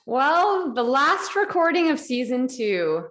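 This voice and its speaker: A woman's voice: high-pitched, sing-song, takes it slowly, fairly bright tone. A woman co-hosting a podcast, chatting casually and playfully, laughing often and throwing in dramatic asides. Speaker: podcast co-host. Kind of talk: casual chat.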